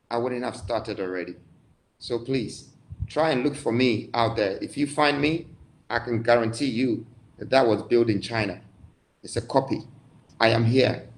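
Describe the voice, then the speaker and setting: A man from Ghana, a guest in a live online interview, speaking in grand, declamatory phrases with dramatic pauses. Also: mid-range voice, rough recording.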